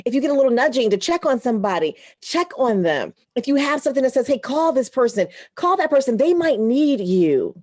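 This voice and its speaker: A woman radio broadcaster, a guest, telling personal stories in an earnest, animated way and laughing easily. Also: sits high, brisk, few pauses, no echo, clean studio sound. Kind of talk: heartfelt conversational storytelling.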